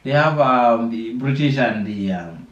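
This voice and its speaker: A man chatting casually as he reacts to a video, animated and repeating phrases for emphasis. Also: medium pitch, measured pace, highs cut off. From Africa. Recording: roomy, distant mic, clearly noisy.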